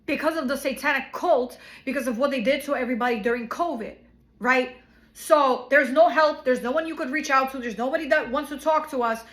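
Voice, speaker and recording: Young woman, high-pitched, casual ranting vlog delivery, rambling with heavy fillers. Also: brisk, fairly bright tone. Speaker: vlogger.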